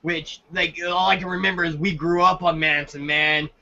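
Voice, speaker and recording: A man co-hosting a podcast, telling stories in a loose, profane, excitable way during casual chat. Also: fairly high pitch, moderate pace, creaky. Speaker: podcast co-host. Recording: dull lo-fi sound.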